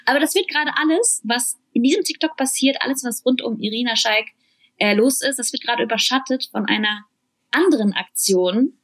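A woman's voice: a little high, brisk, a bit bright. A woman co-hosting a casual talk show, chatting loosely with many fillers and bits of English mixed in. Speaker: podcast co-host. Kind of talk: casual chat.

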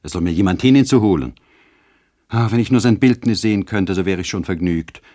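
A man voicing a spoiled, capricious young noblewoman who talks in a shrill, imperious and gushing way. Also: fairly quick, mellow, dry recording, studio quality, natural voice.

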